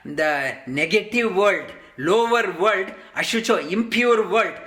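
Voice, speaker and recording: A man's voice: sits high, expressive, slow pace, bright, forceful tone, reverberant. A man teaching scripture, reciting Sanskrit verses line by line and then explaining them with many fillers and restarts. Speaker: yoga teacher.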